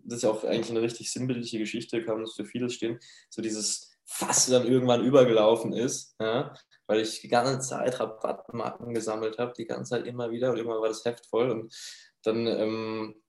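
Guy casually telling a story, lots of fillers and laughs, mid pitch, echoey room. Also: flat delivery, fairly quick, a little mellow. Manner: chatty, laughs often, many fillers. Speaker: guest telling a personal story. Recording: roomy echo.

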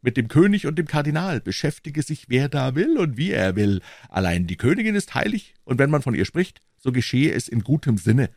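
A man's voice: medium pitch, big pitch swings, fairly quick, few pauses, no room sound, clean studio sound, voice pushed up. Porthos, a man voicing a blustering musketeer. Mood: lecturing. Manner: loud, emphatic, declaiming. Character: boisterous loud male musketeer, blustering and jovial. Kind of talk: audiobook character reading.

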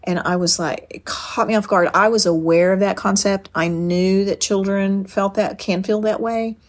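A woman's voice: mid-range voice, fairly even intonation, normal speed. A middle-aged woman giving an earnest teaching talk on parenting, explaining with personal stories and often restarting her sentences. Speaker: speaker on parenting and boundaries.

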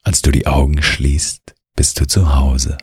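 Deep, husky man telling a bedtime story. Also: steady tone, darkish tone, no echo, clean studio sound. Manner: slow, soothing, second-person narration.

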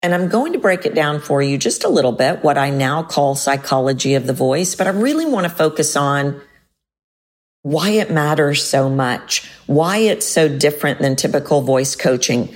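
Hosting her own solo podcast, a middle-aged Texan woman who works as a voice coach speaks expressively. She leaps upward in pitch for emphasis and takes things slower when she reaches key points.

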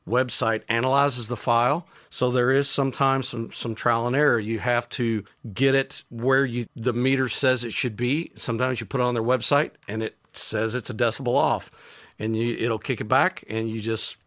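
A man with a Southern US accent, an audio engineer guest, calmly explaining technical steps in casual chat. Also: medium pitch, normal speed, no echo, studio quality. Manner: calm, explanatory, practical.

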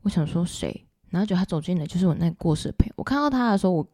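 A woman's voice: fairly low pitch, expressive, rapid-fire, warm tone, no echo, studio quality. A woman podcast host with a Taiwanese Mandarin accent, telling a personal story in an emotional, confiding way. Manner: emotional, confiding, keeps asking "you know?".

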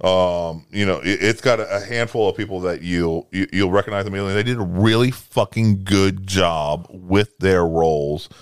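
A deep-voiced man in his late thirties, talking loosely and swearing often as a podcast co-host. The sound is close and dry, with no room around him. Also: normal speed, hardly any pauses, clean tone, no echo. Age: 30s. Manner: profane, excitable, swears often. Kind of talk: casual chat.

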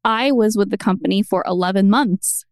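30s woman guesting on a pod, rambly and animated, crisp voice. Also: medium pitch, normal speed, dry recording, clean studio sound. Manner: chatty, animated storytelling with many "like" fillers. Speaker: podcast guest. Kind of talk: casual conversational interview.

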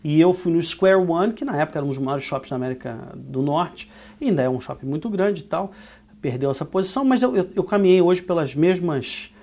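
A man's voice: on the high side, lively intonation, a little fast, dark tone. A Brazilian man with a Brazilian Portuguese accent, co-hosting a casual podcast and talking earnestly and encouragingly, with many restarts and fillers. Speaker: podcast co-host, business owner.

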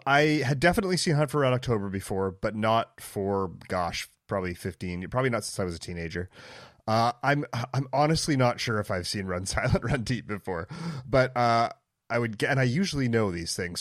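A man's voice: mid-range voice, expressive, a little fast, dry recording, studio quality. A man co-hosting a casual movie podcast, talking earnestly and with good humor. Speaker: podcast co-host. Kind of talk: casual chat.

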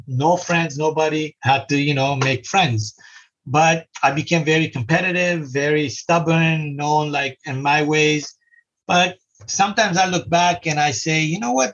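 A middle-aged Lebanese man, appearing as a podcast guest, earnestly offers casual life advice in an interview, repeating simple points. His voice is a little high and fairly bright at normal speed, captured on a muffled lo-fi recording.

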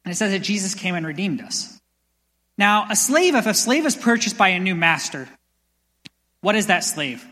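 A young man preaching a sermon as pastor, energetic and building to loud passionate peaks, in a church sanctuary. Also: high voice, normal speed, pauses often. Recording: long church hall reverb.

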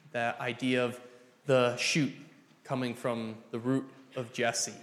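A man preaching a sermon in a church sanctuary, opening with a prayer and speaking in a deliberate, folksy manner. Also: mid-range voice, a bit bright. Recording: roomy reverberant church sound.

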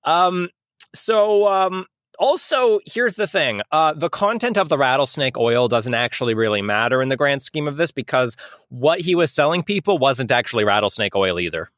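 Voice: mid-range voice, lively intonation, normal speed, a bit bright, dry recording, clean studio sound. A podcast co-host explaining a topic in loose, laughing casual chat. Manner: laughs a lot, loose and rambling with fillers.

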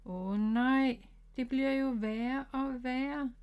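A woman's voice: on the high side, animated, highs cut off, natural voice. A woman voicing an eager young boy rabbit who is learning magic, in a storybook read-aloud. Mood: flustered.

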